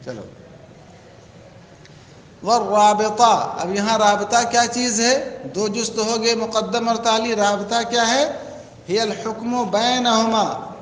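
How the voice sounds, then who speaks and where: A man's voice: high-pitched, fairly even intonation, fairly bright tone. A man with an Indian Urdu accent lecturing a class. He reads Arabic text aloud, explains it, and keeps quizzing his students with questions. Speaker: teacher of logic. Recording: echoey classroom with faint noise.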